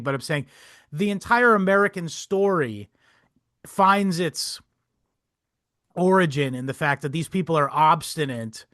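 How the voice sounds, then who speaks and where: Animated, rambling man with a higher voice. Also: dry recording, clean studio sound. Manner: rambling, animated, swears, laughs often. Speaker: podcast co-host. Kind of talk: casual history podcast chat.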